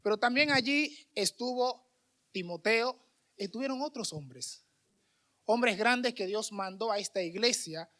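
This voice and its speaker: A man's voice: sits high, expressive, unhurried, sharp tone. A man with a Dominican Spanish accent, a missionary preacher giving a conversational sermon with restarts and fillers. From Dominican Republic.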